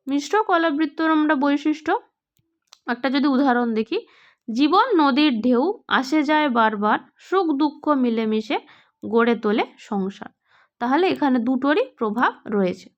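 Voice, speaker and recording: High-voiced female exam tutor, question-and-answer explaining, muffled lo-fi recording. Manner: explanatory, asks questions then answers them. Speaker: exam prep teacher. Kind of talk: online grammar lesson.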